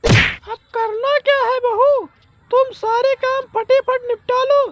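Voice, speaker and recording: Brief: shrill, harsh older mother-in-law from a comedy skit, played by a woman, drawn-out bossy delivery. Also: steady tone, very noisy.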